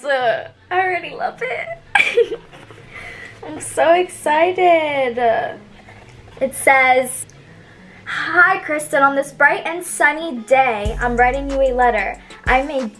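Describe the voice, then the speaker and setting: A young woman vlogger chatting casually through an unboxing, bubbly and gushing with excitement. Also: on the high side. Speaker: beauty vlogger.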